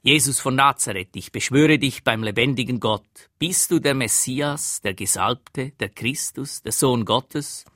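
A man voicing a furious older high priest who shouts outraged accusations. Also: a little slow, few pauses, dry recording, studio quality.

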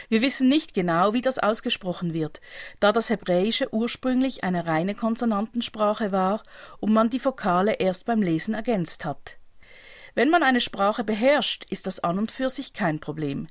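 A woman preaching, giving a calm, measured, explanatory reflection in a scripted style. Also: medium pitch, no echo, studio quality.

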